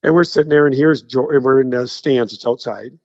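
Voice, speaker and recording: A man's voice: medium pitch, a little fast, dry recording, muffled recording. A man telling stories as a guest on a radio show, acting out the people in them. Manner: animated anecdote teller, acts out the people in his stories.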